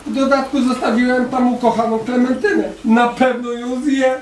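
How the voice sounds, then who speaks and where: A man voicing a frightened little girl with a shrill, raised voice while reading a children's story aloud. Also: little pitch movement, moderate pace. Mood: scared. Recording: echoey room, distant mic, faint noise.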